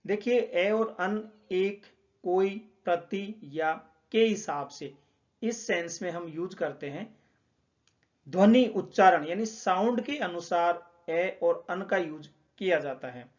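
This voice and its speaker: A man's voice: high voice, takes it slowly. A man teaching English grammar, explaining each point step by step and repeating the key ideas. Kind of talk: classroom explanation. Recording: dull lo-fi sound.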